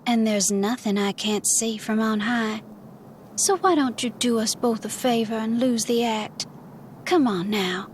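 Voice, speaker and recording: Slow-drawling mysterious fortune teller played by a woman. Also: on the high side, a little hiss or hum, natural voice. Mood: knowing, mystical. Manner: theatrical fortune teller, coy and mystical. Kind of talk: video game character acting.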